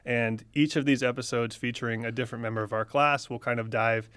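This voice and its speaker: A young adult man co-hosting a podcast, recapping events in a relaxed, easygoing way with easy laughter. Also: medium pitch, a little fast, clean tone, no echo. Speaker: podcast co-host. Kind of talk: casual podcast chat.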